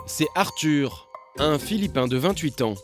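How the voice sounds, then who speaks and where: Lively-voiced male documentary narrator over music. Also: fairly high pitch, unhurried. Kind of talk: scripted narration. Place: studio voice-over.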